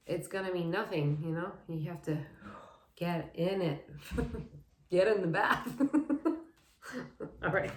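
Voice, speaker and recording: A woman giving a casual, meandering tarot reading, soft and dreamy, often laughing. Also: fairly low pitch, reverberant, slight background noise. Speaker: tarot reader.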